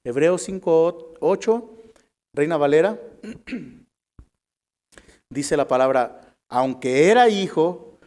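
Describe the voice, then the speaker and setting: A man's voice: on the high side, a little mellow. A man with a Mexican Spanish accent preaching a sermon, reading scripture aloud and calling his listeners brothers.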